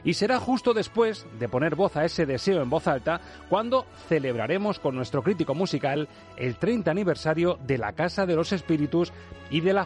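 A man with an accent from Spain presenting a scripted radio show in the grand, showy manner of a ringmaster, addressing his audience with flourish. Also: on the high side. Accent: Spanish from Spain. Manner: ringmaster-like grand announcing, addressing ladies and gentlemen. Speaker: radio film show host. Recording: music bed under voice.

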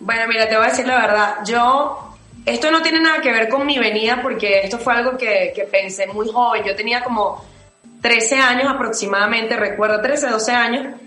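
A Venezuelan singer in her late twenties answers in a slightly high voice, pausing and restarting as she thinks. The room rings with echo, and soft music plays underneath. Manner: thoughtful, many fillers and restarts. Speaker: singer-songwriter guest. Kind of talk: interview answers.

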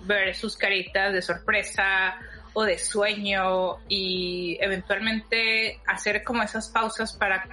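A woman teacher, reflecting slowly and wistfully on her classes. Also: medium pitch, pushed and bright. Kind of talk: casual testimonial.

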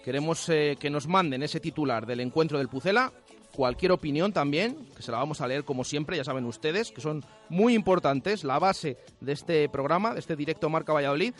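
A man's voice: on the high side, animated, normal speed. A man with an accent from Spain co-hosting a sports radio chat, emphatic and repeating phrases to stress them. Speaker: co-host of a local sports radio show. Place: radio studio. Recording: music bed behind.

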